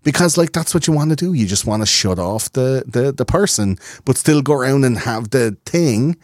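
A man's voice: medium pitch, animated, normal speed, darkish tone, no room sound, clean studio sound. An Irish man talking as a podcast guest, swearing freely and acting out the voices of people he quotes. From Ireland. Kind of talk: casual interview chat.

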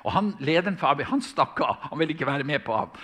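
A man's voice: on the high side, lively intonation, a bit bright. A man from Norway, preaching a sermon and telling stories in a fervent, emphatic way, often restarting his phrases. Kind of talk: sermon with storytelling.

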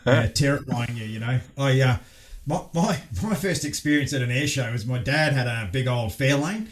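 Australian man, ex-fighter pilot guest, animated storyteller, frequent laughs and restarts, medium-pitched voice. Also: moderate pace. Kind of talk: casual storytelling interview.

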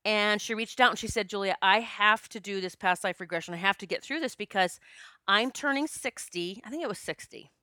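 At a medium pitch and a fairly quick pace, her tone comes across sharp, with no room sound in the recording. The speaker is a woman in her fifties who does past life regression, chatting and joking through stories with quoted lines in a casual spiritual monologue.

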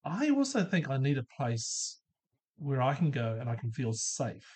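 A man's voice: mid-range voice, big pitch swings, unhurried, darkish tone, breathy edge. A middle-aged man hosting a solo podcast, talking through ideas thoughtfully and asking the listener questions. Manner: thoughtful, asks questions, light laughs. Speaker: podcast host. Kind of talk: reflective solo monologue.

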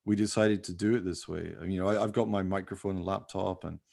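A podcast host and radio play writer rambles through a casual chat in a low, creaky, darkish voice. He talks fast with fairly even intonation, keeping it informal and often hedging with "you know."

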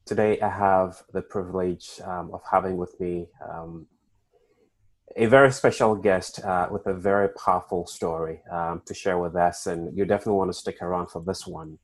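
A man hosting a podcast who introduces a guest and asks questions in a measured way with many filler pauses. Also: deep voice, fairly even intonation, poor audio. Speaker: podcast host.

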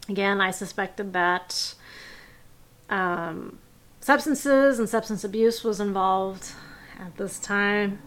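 Woman telling personal stories, laughing softly. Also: medium pitch, slow. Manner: casual, laughs often, many fillers like "um" and "like". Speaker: podcast host. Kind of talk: personal storytelling.

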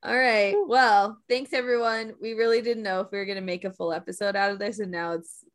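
A woman co-hosting a casual podcast, chatty and quick to laugh. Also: medium pitch, steady tone. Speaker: podcast co-host, science researcher.

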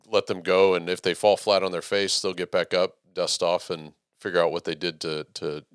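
A man hosting a casual interview, talking in a measured, even way that he calls monotone himself. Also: sits low, clear, resonant tone, no room sound, studio quality. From Texas. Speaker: podcast host, theater educator.

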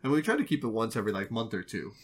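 A man's voice: lowish voice, sing-song, racing. A man co-hosting a casual board game podcast, playful and teasing, telling little stories animatedly. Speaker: podcast co-host.

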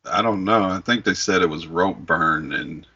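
A man's voice: sits low, moderate pace, pushed and bright, breathy edge. A middle-aged man hosting a podcast, chatting casually about sports. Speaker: podcast host. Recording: dull lo-fi audio.

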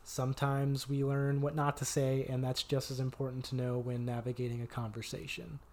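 A man's voice: mid-range voice, completely flat delivery, moderate pace, a little mellow. A man hosting a podcast, giving an upbeat, promotional outro as a dating coach.

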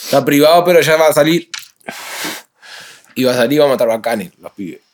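Young man, Uruguayan accent, casual interview, lively slang storytelling, middle pitch. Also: brisk. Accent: Uruguayan Spanish. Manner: animated street slang storytelling, acts out others' voices. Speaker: rapper guest.

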